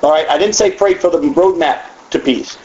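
A man teaches the Bible in a loose, folksy way, full of asides and restarts, and his voice sits a bit high for a man. The sound is dull and lo-fi, with a roomy echo around him and a faint hiss behind. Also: normal speed. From United States. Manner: animated, folksy, with frequent asides and repetitions. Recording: echoey, dull lo-fi room sound.

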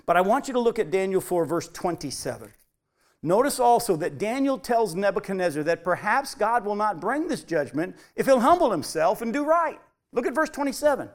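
Male pastor, high tenor, conversational sermon, big swings between emphatic and hushed delivery. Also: big pitch swings, brisk. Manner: swings from loud emphatic peaks to low quiet asides; conversational, asks the congregation questions.

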